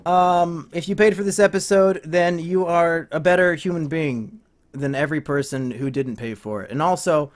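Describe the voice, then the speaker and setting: A man's voice: fairly high pitch, normal speed. A man co-hosting a podcast, trading crude, mocking banter and breaking into heated rants. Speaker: podcast co-host. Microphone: podcast microphone.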